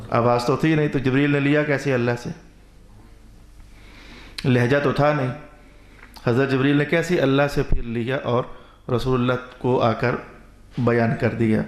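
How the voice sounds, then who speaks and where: A man's voice: a little high, reverberant. A man preaching a sermon in a Pakistani Urdu accent, stacking short repeated phrases and asking rhetorical questions before he answers them. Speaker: Islamic preacher.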